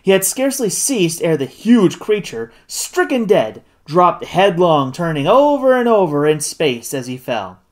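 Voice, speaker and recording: Audiobook narrator, classic novel, expressive, animated pitch. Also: unhurried, hardly any pauses. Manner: expressive reading.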